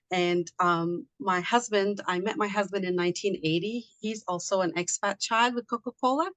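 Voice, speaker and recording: A woman's voice: on the low side, fairly bright tone, dry recording, rough recording. A middle-aged woman from Liberia, speaking casually as an interview guest, talking in a chatty way with many fillers and restarts. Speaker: guest, immigration consultant.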